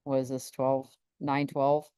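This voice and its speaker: A woman's voice: a bass voice, monotone, measured pace, mellow, clear, resonant tone, no room sound. A woman hosting a casual live stream about space weather, rambling with many restarts and laughs.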